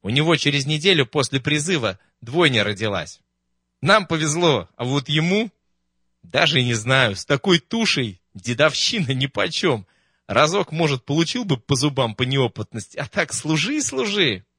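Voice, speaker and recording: A man voicing a young army supply clerk who talks in an unhurried, matter-of-fact way. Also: a little high, big pitch swings, bright, forceful tone, slightly rough, dry recording, clean studio sound, pitched above the performer's own voice, exaggerated voice. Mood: easygoing.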